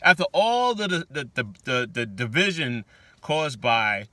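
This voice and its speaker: Animated man with a lively, bright voice. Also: a little slow, no room sound. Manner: animated, swings into loud high mock-shouts; drawling, repeats words. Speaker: vlogger. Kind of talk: casual spiritual monologue.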